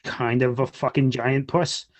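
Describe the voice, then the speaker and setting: A man's voice: medium pitch, flat delivery, unhurried. A man co-hosting a sports podcast, bantering bluntly and swearing often. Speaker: podcast co-host. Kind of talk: casual sports chat.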